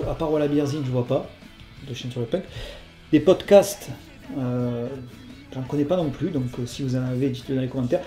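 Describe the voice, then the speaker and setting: Man, casual Q&A host, hesitant, apologetic, mellow tone, roomy echo. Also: mid-range voice. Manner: hesitant, apologetic, lots of fillers. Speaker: channel host answering viewer questions. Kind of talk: casual FAQ video chat.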